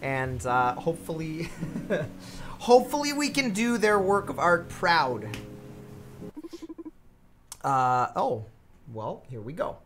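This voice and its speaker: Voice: mid-range voice, very animated, slow pace, pauses often, fairly bright tone, a little hiss or hum. A game streamer giving casual let's-play commentary, chatty with frequent laughs and fillers.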